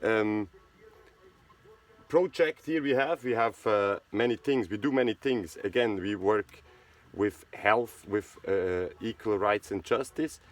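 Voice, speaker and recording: A low-voiced Swiss man, host of a charity video channel, talks casually on his own. He speaks haltingly, searching for words, with many fillers and restarts.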